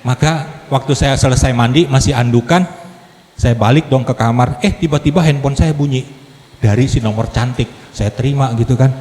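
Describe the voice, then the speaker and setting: Male lay preacher, mellow voice, animated testimony storytelling, reverberant church hall. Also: mid-range voice, normal speed. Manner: lively storytelling with laughs and acted quotes. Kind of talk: testimony sermon. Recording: echoey hall with long reverb.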